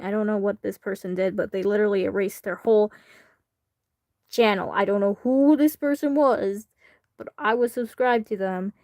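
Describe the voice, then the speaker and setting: A woman's voice: medium pitch, darkish tone, no room sound, clean studio sound. A woman streamer chatting casually to her viewers during a reaction stream, rambling and hesitant with lots of fillers. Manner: talks to chat directly. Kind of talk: casual livestream reaction chat.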